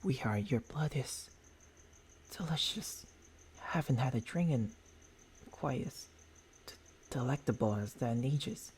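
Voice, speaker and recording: Savoring and hungry, the man voicing a gentlemanly vampire lover speaks in an expressive, lightly acted medium pitch, with slight background noise. Close to the binaural mic, his husky, breathy words come haltingly, laced with formal endearments, in intimate ASMR roleplay.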